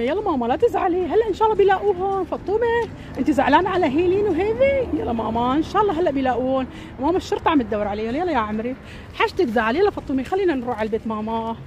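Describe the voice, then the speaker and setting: A woman's voice: sits high, darkish tone. A woman hosts a family vlog, coaxing and soothing someone with many endearments. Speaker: family channel host. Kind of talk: casual vlog talk to a pet or child. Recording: dull lo-fi sound, faint background noise.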